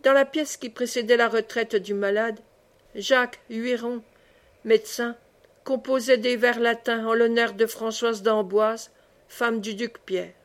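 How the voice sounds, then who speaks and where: A woman reading a classic novel aloud as an audiobook, in measured narration, lightly voicing the characters. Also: on the high side, steady tone. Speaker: audiobook reader.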